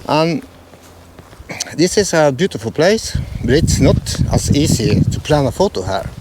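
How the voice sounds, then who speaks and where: A Norwegian photography vlogger explains how he plans his photos in a casual video, speaking English with a Norwegian accent. He sounds hesitant, with plenty of fillers and restarts, in a medium-pitched voice over a noisy background.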